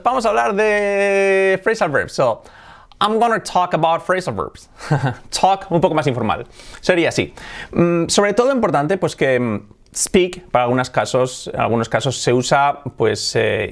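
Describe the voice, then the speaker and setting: A man's voice: on the high side, creaky. A man with a Spanish accent from Spain hosting a casual English lesson, drilling pronunciation by repeating words. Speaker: English teacher and host.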